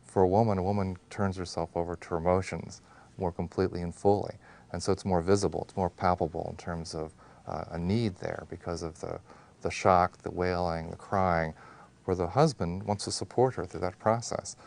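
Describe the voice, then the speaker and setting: A man speaking as a grief specialist in a documentary interview, explaining in a measured way. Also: deep voice, steady tone, gravelly, darkish tone.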